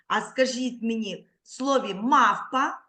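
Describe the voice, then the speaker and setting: This woman, a primary school teacher, has a voice on the high side that sounds pushed and bright. On a video call she gives young children a literacy lesson, speaking slowly and clearly, pulling words apart syllable by syllable and patiently prompting her pupils.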